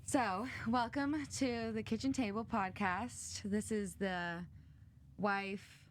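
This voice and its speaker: A woman's voice: mid-range voice, fairly even intonation, slow, a little hiss or hum. A woman in her twenties hosting a podcast, chatting casually and giggling, with lots of "like" and "um". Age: 20s. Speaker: podcast host. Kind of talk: casual chat.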